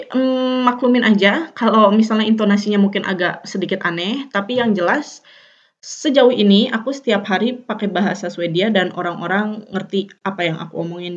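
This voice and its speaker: A young woman with an Indonesian accent, teaching a casual language lesson and thinking aloud between words. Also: medium pitch. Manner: thinks aloud, many fillers. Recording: dull, muffled sound.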